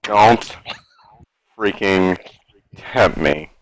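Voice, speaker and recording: A man's voice: low-pitched, extremely slow, no echo, low-quality recording. A man chatting casually as a player in a tabletop game, saying what his character does.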